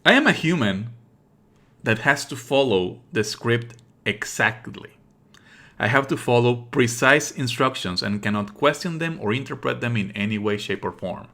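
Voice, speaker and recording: A game streamer provides live let's play commentary, expressive, sardonic and exasperated, swearing casually as he goes. He's a man with a medium-pitched voice, speaking at a moderate pace.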